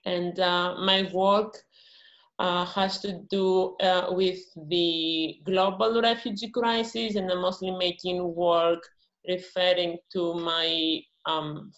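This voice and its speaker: A woman's voice: on the low side, flat delivery, slow pace. Nervous woman. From Greece. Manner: nervous, hesitant. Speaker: artist panelist. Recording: dull lo-fi audio.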